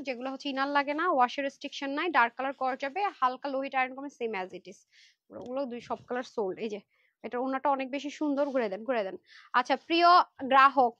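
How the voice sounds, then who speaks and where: A woman's voice: sits high, a bit bright, no echo, lo-fi sound. A woman hosting a live clothing sale, chatty and pushy with her viewers, worn out from a long session. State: tired, worn out. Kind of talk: fast Facebook live selling pitch.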